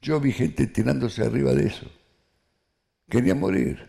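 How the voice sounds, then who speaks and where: An older man gives personal testimony, talking haltingly with restarts and quoting others. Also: medium pitch, lively intonation, creaky, mellow. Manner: halting, with restarts and acted quotes. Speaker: Holocaust survivor giving testimony.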